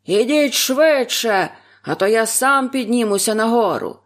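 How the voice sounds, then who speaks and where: A woman's voice: fairly high pitch, animated, voice pushed up. Bluebeard, a woman playing a cold menacing husband. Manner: slow, cold, commanding. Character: menacing man, cruel bearded husband.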